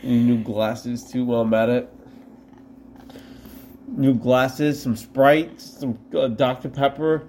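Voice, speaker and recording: A man's voice: medium pitch, steady tone, takes it slowly, long pauses, a little mellow, slight background noise. A man co-hosting a casual podcast chat, playful and joking as he rambles. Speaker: podcast co-host.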